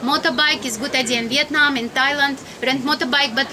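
Her high voice holds a steady tone at a fairly quick pace as this thirtysomething Russian woman, Russian accent and all, delivers a casual travel talk to an outdoor crowd, laughing a lot and quizzing them. The setting is a sunny courtyard ringed by high-rises, captured by a camera a few meters ahead, with listeners chattering in the background.

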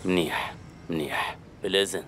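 A man's voice: low-pitched, fairly even intonation, brisk, fairly bright tone, faint music behind. An actor playing a shrewd, commanding man in a dubbed TV drama, with a Syrian accent. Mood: firm, cool. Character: shrewd, commanding man calmly threatening a swindler.

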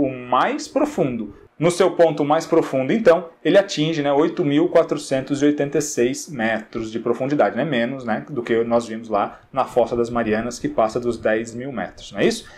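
A man teaching English, explaining slowly and often checking that his students follow along. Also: fairly high pitch, a little mellow. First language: Portuguese. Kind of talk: classroom English lesson.

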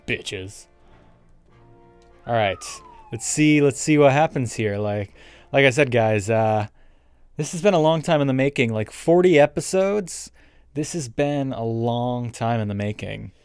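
A man's voice: medium pitch, normal speed, darkish tone, clean tone, no echo. A young man giving casual, rambling let's play commentary with frequent swearing, as a gaming YouTuber. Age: young adult. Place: indoor room with webcam setup. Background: game music.

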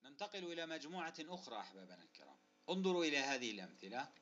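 A male teacher giving a recorded spelling lesson, drawing out each example word slowly, then explaining the rule briskly and asking and answering his own questions. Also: on the high side, very animated, fairly bright tone, a little hiss or hum. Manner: addresses listeners as dear loved ones, asks and answers his own questions. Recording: dull lo-fi recording.

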